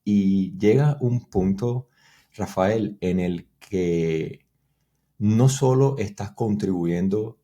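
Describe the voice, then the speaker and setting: Man, Cuban accent, low voice, warm tone, thoughtful explainer, interview guest. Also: extremely slow, lo-fi sound. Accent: Cuban Spanish. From Cuba. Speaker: guest engineer. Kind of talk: conversational interview answers.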